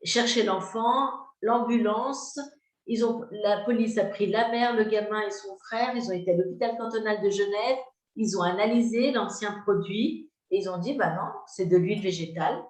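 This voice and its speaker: A woman recounting a story in casual conversation, talking quickly and restarting phrases as she goes. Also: mid-range voice, roomy sound, low-quality recording.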